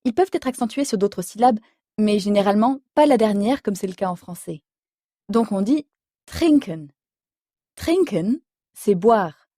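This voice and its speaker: A woman teaching an audio language lesson, explaining slowly and clearly and spelling words out letter by letter. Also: medium pitch, lively intonation, dark tone, dry recording, clean studio sound.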